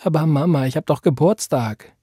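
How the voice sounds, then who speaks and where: A man voicing a timid, troubled young boy who speaks in a hesitant, plaintive way, with a husky voice, in an audiobook reading. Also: a little high, a little fast, warm tone, dry recording, studio quality, voice pushed up.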